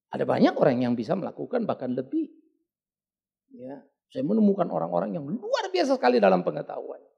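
A middle-aged male pastor preaching with a rough, gravelly edge and a husky voice. His pitch leaps up and down wildly as he tells stories, slipping into casual slang and English words. He drops to quiet asides, then bursts out loud. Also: muffled recording. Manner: animated, colloquial, mixing in English words; dramatic swings between quiet asides and loud outbursts. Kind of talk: storytelling sermon. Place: church service.

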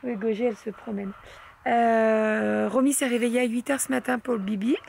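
A young woman vlogging to her followers in a relaxed, chatty way, pausing often with fillers as she talks. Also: on the high side, gravelly, a little hiss or hum. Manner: chatty, full of hesitations and fillers. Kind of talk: casual chat to camera.

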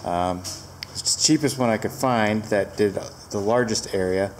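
Woman, extremely deep voice, casual product review, rambling with fillers, handheld camera, big barn. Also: normal speed, a little mellow, slight background noise. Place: large barn indoors, door open to wind.

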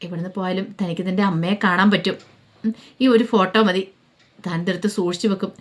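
A woman's voice: medium pitch, steady tone, a little fast, natural voice. A woman voicing a hurt, resigned young woman. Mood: troubled.

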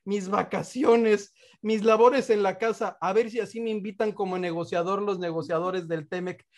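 A man's voice: sits high, steady tone, normal speed, darkish tone. A man with a Mexican Spanish accent, hosting a comic game-show style program with theatrical, joking patter. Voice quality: playful and theatrical, with joking asides. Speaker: show host.

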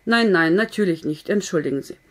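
A woman's voice: lowish voice, animated, a little fast. A woman voicing an elderly male village vicar who speaks in a stiff, formal, courteous way. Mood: solemn.

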